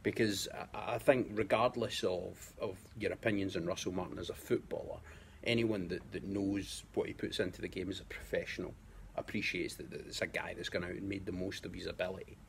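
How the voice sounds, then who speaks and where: A man with a Scottish accent, a guest pundit in a casual football chat, talking in a measured way and repeating words as he finds his point. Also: sits low, steady tone, vocal fry, a little hiss or hum.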